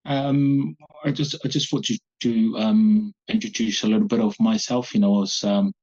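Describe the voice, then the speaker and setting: Man, 40s, low husky voice, halting speech. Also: steady tone, darkish tone, dull audio. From Samoa. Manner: halting, searching for words. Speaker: guest, abuse survivor. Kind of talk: personal interview.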